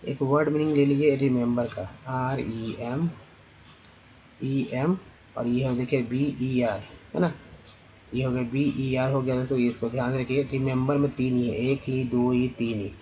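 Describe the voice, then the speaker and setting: A man teaching English pronunciation as a spoken lesson. He spells words letter by letter, slowly and with many repeats. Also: medium pitch, level tone, warm tone, a little hiss or hum, poor audio.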